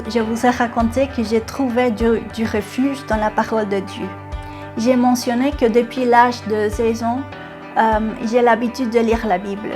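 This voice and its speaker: Giving a testimony to camera, a Venezuelan woman speaks with a Venezuelan Spanish accent in a slightly high voice. She comes across as earnest and unhurried, with many hesitations and restarts. There's faint music behind her.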